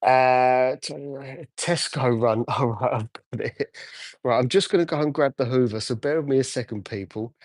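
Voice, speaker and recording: A man's voice: medium pitch, moderate pace, dry recording. Guy washing a car live, chatting to viewers, dry close sound, sometimes drifts off mic. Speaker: car detailer live-streaming. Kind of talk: casual live-stream chat while working.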